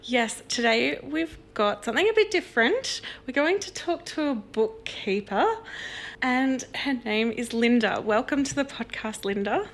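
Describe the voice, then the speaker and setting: A woman's voice: fairly high pitch, lively intonation, a little slow. A woman hosting a podcast, upbeat and enthusiastic in casual chat. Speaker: podcast host.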